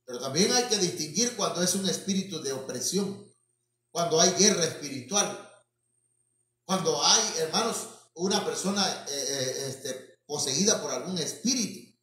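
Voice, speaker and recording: A man's voice: a little high, expressive, normal speed, a bit bright. A man, preaching a storytelling sermon as pastor and calling his listeners brothers, with many fillers. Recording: echoey church from far off.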